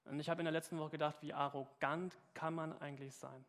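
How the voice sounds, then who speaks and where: Male preacher, fairly high voice, earnest and searching, sermon echoing in a big church. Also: level tone, fast talker, fairly bright tone. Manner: earnest, questioning, speaks straight to the congregation. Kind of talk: sermon with Bible reading.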